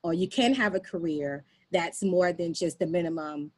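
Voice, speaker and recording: A woman who is a guest on a podcast and founded a nonprofit, telling her story in an animated way with frequent fillers. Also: on the low side, moderate pace, breathy edge, low-quality recording. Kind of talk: casual podcast conversation.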